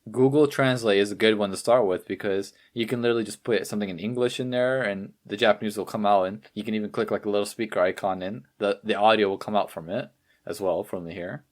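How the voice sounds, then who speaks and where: A man's voice: lowish voice, fairly even intonation, fast talker. A man co-hosting a casual podcast in an easygoing, agreeable way, with plenty of likes and uhs. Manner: easygoing, agreeable, many fillers. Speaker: podcast co-host.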